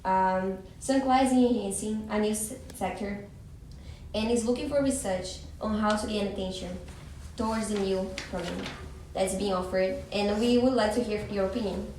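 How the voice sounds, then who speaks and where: A woman's voice: medium pitch, moderate pace, darkish tone. Young woman moderating, echoey classroom. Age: young adult. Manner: frequent ums, reassuring. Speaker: focus group moderator. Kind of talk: hesitant spoken moderation. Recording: echoey room from far off, background noise.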